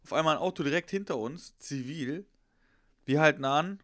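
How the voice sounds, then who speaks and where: A man's voice: on the high side, normal speed, fairly bright tone, dry recording, clean studio sound. A young man in casual chat, telling a rambling, slangy story and acting out the voices of the people in it.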